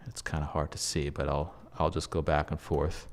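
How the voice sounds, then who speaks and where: A man's voice: very deep voice, flat delivery, normal speed, noisy background. A man composing at his computer, talking through his process casually and muttering and humming phrases as he writes. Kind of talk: casual screen-share tutorial, thinking aloud.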